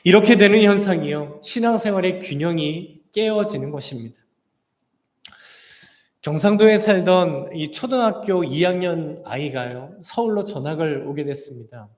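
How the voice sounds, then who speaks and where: High-voiced pastor preaching in an echoey hall. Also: male voice, normal speed, darkish tone. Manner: earnest preaching mixed with light joke-telling. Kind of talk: sermon. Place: church sanctuary.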